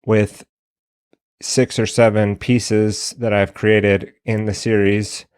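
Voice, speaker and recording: A man opening a prepared conference presentation in a measured, earnest way with pauses. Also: fairly low pitch, level tone, darkish tone, clear, resonant tone, no room sound, clean studio sound.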